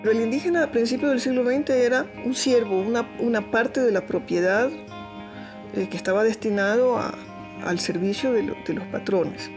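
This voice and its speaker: Woman, Ecuadorian accent, documentary interview, measured, faint background music. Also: on the high side. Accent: Ecuadorian Spanish.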